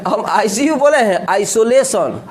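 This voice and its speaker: A man's voice: sits high, animated, unhurried, crowd noise. A man with a Bihari accent teaching physics in a classroom lecture, joking and often repeating questions to the class.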